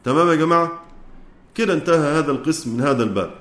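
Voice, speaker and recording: A man's voice: a little high, lively intonation, racing, a bit bright, echoey room. A man with an Egyptian Arabic accent lecturing on Quran recitation, explaining step by step and asking his students questions he then answers himself. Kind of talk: teaching a lesson.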